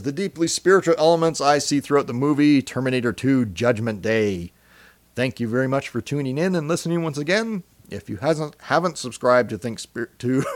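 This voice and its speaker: A man hosting a podcast, giving a reflective, measured commentary in a scripted style. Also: medium pitch, dry recording. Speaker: podcast host.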